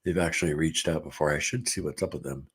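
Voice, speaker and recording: A middle-aged man hosting a casual livestream, reading viewer comments aloud and chatting in a relaxed way with frequent laughs. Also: a bass voice, quick pace, breathy edge.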